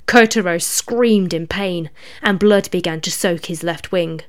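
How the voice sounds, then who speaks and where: A woman narrating a dark fantasy story in a steady, even reading voice. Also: lowish voice, measured pace.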